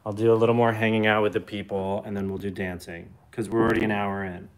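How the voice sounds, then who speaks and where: A rambling man in his late thirties co-hosts a casual live stream from a bright living room, recorded close up on a phone camera. His voice is lowish and flat, and he talks quickly, joking and reading comments aloud.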